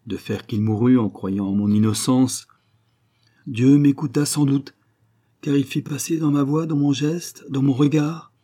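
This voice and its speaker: A man reading the part of a grieving, anguished noble mother in an audiobook, with a husky voice and a solemn way of telling. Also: medium pitch, mellow, lightly acted.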